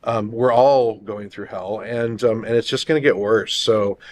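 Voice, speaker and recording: A man co-hosting a casual opinion discussion, speaking earnestly and haltingly. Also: lowish voice, a little mellow. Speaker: talk show co-host.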